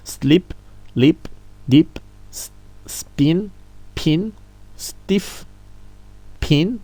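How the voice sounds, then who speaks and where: Brief: male phonics teacher, mellow and dry, slow deliberate delivery, patient repetition. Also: mid-range voice, no echo. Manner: patient, repeats words slowly, chuckles. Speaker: English teacher. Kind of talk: phonics lesson reading word lists.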